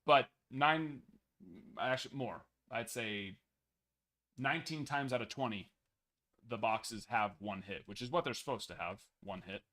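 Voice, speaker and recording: An easygoing young man hosts a live card break, casually rattling off numbers in a steady list. His medium-pitched voice moves a little slowly and is getting worn as he loses it.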